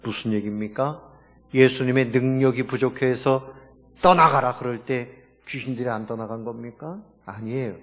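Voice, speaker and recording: A man's voice: mid-range voice, steady tone, moderate pace, a little mellow, big-room sound, highs cut off. A man preaching a sermon as pastor, emphatic and full of rhetorical questions to his congregation.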